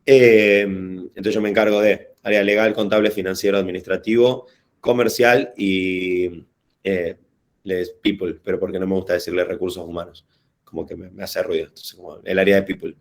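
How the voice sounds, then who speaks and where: A man's voice: low-pitched, flat delivery, moderate pace. A man with a Rioplatense Spanish accent leading an informal online workshop over a video call, talking casually and digressively with slang and hesitant restarts. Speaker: workshop facilitator.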